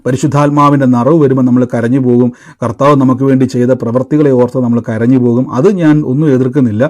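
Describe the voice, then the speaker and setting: This preacher speaks fast, with a medium-pitched, steady, slightly mellow voice during a live-streamed sermon. His questions are emphatic and rising, and he has the audience repeat declarations back to him in call-and-response fashion.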